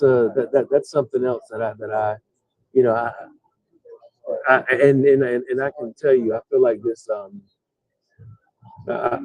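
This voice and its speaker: Male sports stream host, worn out, mid-pitched, rambling delivery; dry, dull lo-fi audio. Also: no room sound. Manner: rambling, many restarts and fillers. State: tired. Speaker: host reading live chat. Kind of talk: casual live-stream sports chat. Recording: dull, lo-fi sound.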